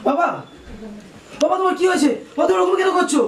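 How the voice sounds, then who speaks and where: A man's voice: extremely high pitch, fast talker. An actor playing a young man from a rich family, pleading over and over with his collapsed father. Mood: frantic pleading. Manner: pleading, repeats "baba" over and over. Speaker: lead actor. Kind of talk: amateur short-film acting. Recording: roomy, distant, noisy home recording.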